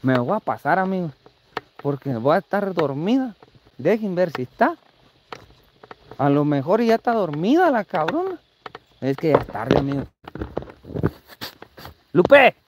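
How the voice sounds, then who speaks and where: High, lively Mexican man, crude teasing. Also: normal speed, long pauses. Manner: crude, teasing, swears freely. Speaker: live-streaming vlogger. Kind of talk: casual live-stream chat. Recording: noisy live-stream audio.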